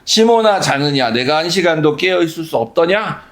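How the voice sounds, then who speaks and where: A pastor voicing Jesus in deep sorrow, pleading with his disciples to stay and pray with him. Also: expressive, normal speed, natural voice. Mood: weary reproach.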